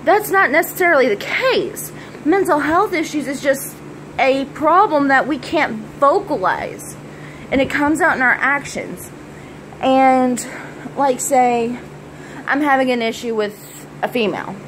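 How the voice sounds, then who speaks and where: Casting: young American woman, higher-pitched preppy voice, blunt sweary vlog chat, slightly noisy home-made recording. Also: lively intonation, unhurried, a bit bright. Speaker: vlogger. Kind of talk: casual personal vlog talk. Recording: faint background noise.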